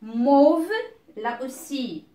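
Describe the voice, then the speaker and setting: A woman teaching a beginner reading lesson, patient and methodical, drawing out each word clearly and asking herself questions aloud as she goes. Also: high-pitched, warm tone, echoey room, recorded from a distance, a little hiss or hum. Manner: draws out words slowly and clearly.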